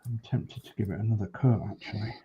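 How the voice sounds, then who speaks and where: This hobby model-maker from Hull, England, talks fast in a warm, lowish voice with fairly even intonation. He offers casual, hands-on commentary at the workbench, frequently muttering to himself as he goes. The recording sounds dull and noisy, captured in a room.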